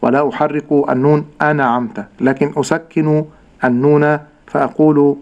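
A man teaching Quran recitation rules, explaining in a measured way and drawing out each example word slowly. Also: mid-range voice, darkish tone, highs cut off. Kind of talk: tajweed lesson with slow demonstrations.

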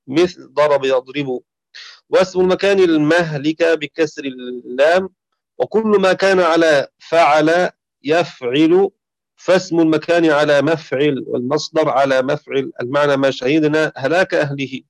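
A man giving a lesson on Quran reading variants, reading from a text and reciting verses slowly in a chanted tone. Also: a little high, dry recording. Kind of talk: explanatory lecture reading from a text.

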